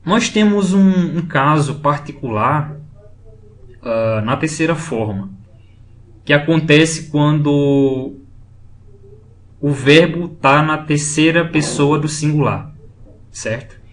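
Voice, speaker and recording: Man, French teacher, slightly high voice, very slow and careful delivery. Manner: slow and explanatory, repeats each example sentence. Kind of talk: screen-based language lesson.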